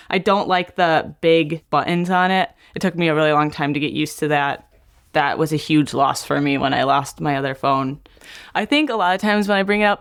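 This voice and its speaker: A woman's voice: deep voice, smooth, no room sound, studio quality. A woman in her thirties speaking in a chatty, reflective way in a documentary interview. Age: 30s.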